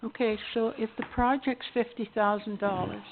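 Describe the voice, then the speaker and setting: A woman's voice: a little high, fairly even intonation, moderate pace. A woman with a Canadian accent, a mayor in a council meeting, asking questions and spelling out the figures. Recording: tinny phone-like audio with faint room noise.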